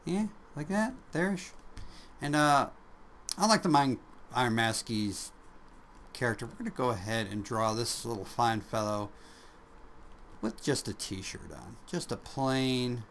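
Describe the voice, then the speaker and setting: A man's voice: mid-range voice, animated, measured pace, pauses often, fairly bright tone, a little hiss or hum. A man casually narrating a drawing tutorial, rambling and joking at his own expense. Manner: rambling, jokey, self-deprecating, chuckles often.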